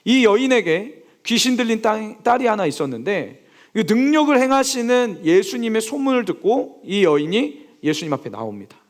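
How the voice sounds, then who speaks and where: A young man preaching a sermon as pastor, asking his listeners questions and acting out the people in his story. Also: normal speed. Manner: lively preaching, asks the congregation questions; acts out quoted speech with big swings in pitch.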